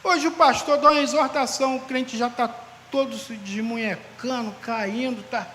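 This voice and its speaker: A male pastor, telling a story in a sermon as an animated storyteller. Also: extremely high pitch, moderate pace. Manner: lively, animated storyteller who acts out dialogue. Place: large church hall during an assembly. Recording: echoey hall with faint background noise.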